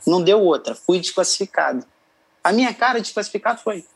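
A man's voice: high voice, animated, fast talker, creaky, slight background noise, low-quality recording. Laid-back young man telling stories. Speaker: interview guest, singer. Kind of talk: casual storytelling.

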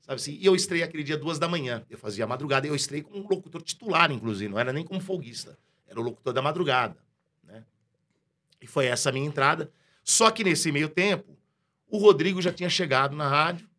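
A man with a Brazilian accent, a radio announcer telling a story in a casual interview, slangy and lively, acting out the dialogue he recounts. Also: a little high, fast. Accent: Brazilian Portuguese.

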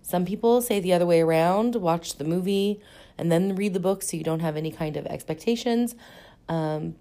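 A woman hosting her own podcast while sick, hoarse, chatting casually about books with frequent ums. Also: on the low side, moderate pace, mellow. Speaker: podcast host. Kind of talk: casual book talk monologue.

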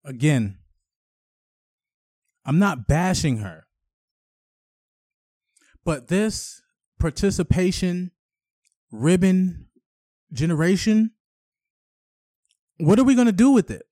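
A man's voice: high voice, darkish tone, dry recording, studio quality. A man hosting a podcast, delivering a rambling, profane solo rant and tripping over words at times. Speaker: podcast host.

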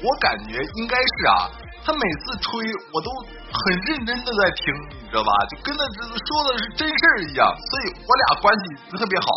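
A man's voice: high voice, wildly swooping pitch, quick pace. A man telling comic stories in a chatty way, talking to a sidekick and laughing at his own jokes, over a dull recording with music behind. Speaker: joke-telling host. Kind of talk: comic storytelling.

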